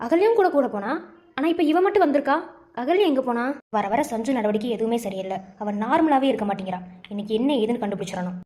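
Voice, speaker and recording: A woman's voice: fairly high pitch, animated, quick pace, warm tone, natural voice. A woman voicing a suspicious, nosy woman in a cartoon, muttering to herself. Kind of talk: cartoon voice acting.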